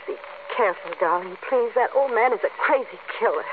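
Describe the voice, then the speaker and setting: Earnest, expressive radio heroine played by a woman. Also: medium pitch, brisk, narrow, tinny audio, natural voice. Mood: worried. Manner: earnest, dramatic. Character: anxious, devoted young female amateur sleuth. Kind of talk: 1940s radio thriller acting. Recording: thin, hissy 1940s radio recording.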